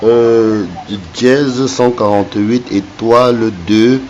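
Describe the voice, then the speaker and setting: A man's voice: medium pitch, steady tone, a little mellow, slight background noise. Mocking man on a phone call. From Cameroon. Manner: mocking, taunting, repeats insults; slow and hesitant when reading back numbers. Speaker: phone call recipient exposing a scammer.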